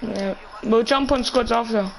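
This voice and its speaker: A man's voice: extremely high pitch, measured pace, vocal fry, slight background noise, poor audio. A young man with a London roadman accent and slang, bantering casually while streaming a game.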